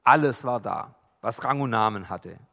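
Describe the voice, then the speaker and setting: A man preaching a sermon as pastor, swinging between hushed, intimate passages and loud, emphatic appeals. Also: fairly low pitch, normal speed, gravelly, big-room sound.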